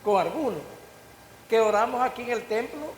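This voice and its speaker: A man's voice: very high-pitched, expressive, moderate pace. An older man preaching a sermon as pastor, with rising bursts and questions to the congregation. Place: church hall. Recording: echoey church hall with faint hiss.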